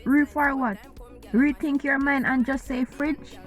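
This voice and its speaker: Soft music plays behind a low-quality recording of a Jamaican vlogger whose voice sits high, steady, and unhurried. She eats while chatting and teasing her viewers.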